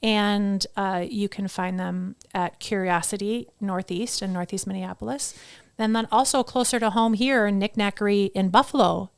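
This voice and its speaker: A woman's voice: mid-range voice, steady tone, moderate pace, smooth, dry recording. A middle-aged woman chatting as a podcast guest, telling stories in an upbeat way and acting out what people said. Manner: chatty, upbeat storyteller who acts out quotes. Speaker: podcast guest, headshot photographer. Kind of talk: casual podcast conversation.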